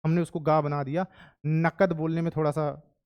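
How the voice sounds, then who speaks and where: High-voiced man teaching a class. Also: flat delivery, moderate pace, smooth, highs cut off. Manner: chatty, keeps checking students follow, mixes in English. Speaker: history teacher. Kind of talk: classroom lecture to exam students.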